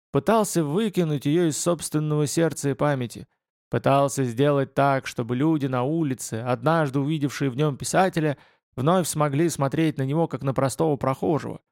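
A man narrating an audiobook in a steady, measured reading voice. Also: mid-range voice, no room sound, studio quality. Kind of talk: scripted narration.

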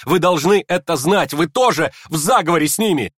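A man reading aloud and voicing a proud young woman, furious and scornful, in shrill indignant outbursts. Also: lively intonation, a little fast, a bit bright, slightly rough, dry recording, studio quality. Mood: hysterical.

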